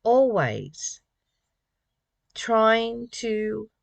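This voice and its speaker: This woman's voice sits on the high side and moves through large pitch swings, delivered extremely slowly with vocal fry. She reads spiritual text and muses on it informally, asking many rhetorical questions. There is no echo.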